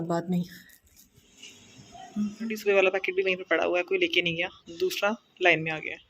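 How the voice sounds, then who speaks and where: A woman's voice: medium pitch, a little hiss or hum. A woman in her thirties, a mother chatting casually to her vlog at home and playing with her child, mixing English words into her talk. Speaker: mother and vlogger. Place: home living room.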